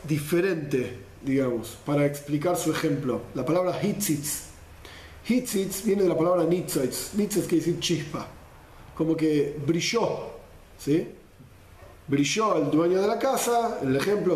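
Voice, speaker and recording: Man teaching in an echoey room. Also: fairly high pitch. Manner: lively explainer, mixes Hebrew quotes with Spanish gloss. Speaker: Torah class teacher. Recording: roomy echo.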